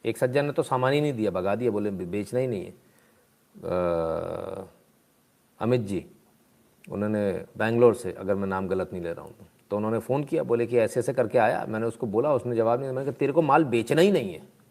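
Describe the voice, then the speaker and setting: A man's voice: on the low side, brisk, creaky, warm tone. A man hosting a live stream in casual commentary, exclaiming, asking rhetorical questions and reading out viewer comments.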